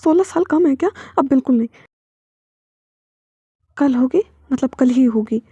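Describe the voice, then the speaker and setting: A woman voicing a calm, protective young husband who teases softly and speaks low, in a storybook reading. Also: unhurried, husky, dry recording, dull audio, exaggerated voice. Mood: insistent. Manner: soft, low-spoken, teasing.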